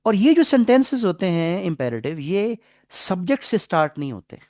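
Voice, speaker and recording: A man teaching English grammar in a classroom lecture, explaining patiently, reading English example sentences slowly and asking the class questions. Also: sits high, sing-song, a little mellow, no echo, studio quality. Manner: asks the class questions and repeats answers.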